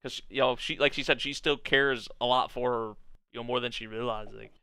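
Young guy doing casual reaction commentary, super clear bright voice, kinda halting, thinking out loud. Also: medium pitch, fairly even intonation, no echo. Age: young adult. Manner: informal, halting, thinking aloud. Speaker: anime reaction video host. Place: small indoor bedroom or study.

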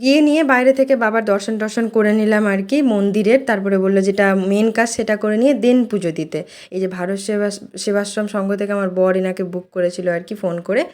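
A woman's voice: mid-range voice, steady tone, quick pace, a little mellow. Woman vlogger talking casually about her day, lots of fillers, easygoing chatter. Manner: chatty, many fillers like "mane". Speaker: vlogger and mother. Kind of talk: casual vlog narration.

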